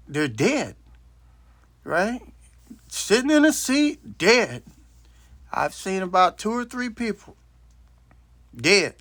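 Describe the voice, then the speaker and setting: A man's voice: sits high, a bit bright, no room sound. A man in his late sixties telling a rambling, blunt story as a casual monologue into his phone. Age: 60s. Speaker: vlogger. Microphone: self-recorded on a phone.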